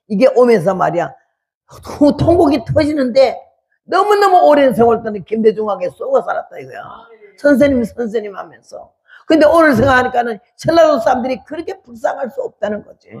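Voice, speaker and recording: Gravelly-voiced woman in her eighties preaching. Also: fairly high pitch, a little mellow. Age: 80s. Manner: emphatic, repetitive preaching with rhetorical questions. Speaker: missionary preacher. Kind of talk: testimony sermon.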